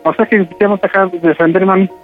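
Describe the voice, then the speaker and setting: A man's voice: sits high, fairly even intonation, rapid-fire, faint music behind. A man on a prank phone call, defensively stammering and repeating himself as he denies cheating. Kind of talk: phone argument.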